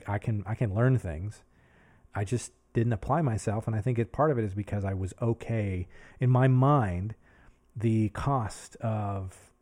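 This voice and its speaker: A man in his thirties talks to his camera in a rambling, self-searching way, often restarting his thoughts. His voice is fairly low and mellow. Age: 30s. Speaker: podcast host. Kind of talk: casual reflective monologue to camera. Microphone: talking to a camera.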